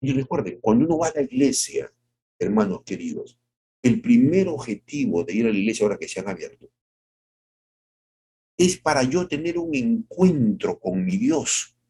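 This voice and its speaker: In a sing-song, slightly rough voice, a middle-aged male pastor delivers a devotional sermon. He poses rhetorical questions, acts out quotes, and alternates soft, drawn-out lines with sudden high exclamations.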